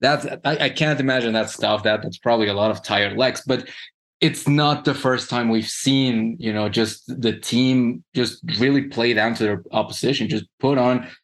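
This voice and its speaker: Man, podcast co-host, casual chat, halting, frequent restarts, mid pitch. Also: steady tone. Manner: halting, many restarts and fillers.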